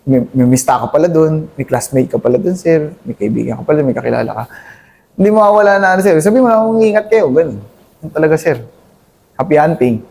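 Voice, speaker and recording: A man in his thirties, an army captain, earnestly recounting combat in a halting, deferential way, addressing his host as "sir" constantly. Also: fairly high pitch, animated, gravelly, darkish tone. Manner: deferential, says "sir" nearly every phrase; earnest, halting storytelling with many restarts. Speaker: army captain, interview guest. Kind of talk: conversational war recollection.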